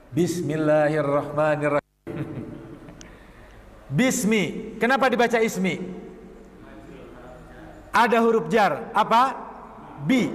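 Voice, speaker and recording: Male religious teacher, high voice, lecture delivery; quizzes listeners in drills, light chuckles; reverberant mosque hall. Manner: quizzes the class in quick question-and-answer drills; chuckles between points. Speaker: Islamic teacher. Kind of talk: classroom lecture.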